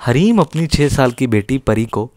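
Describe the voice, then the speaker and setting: A man reading a dramatic horror story as storyteller, expressive and measured. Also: mid-range voice, no room sound, studio quality.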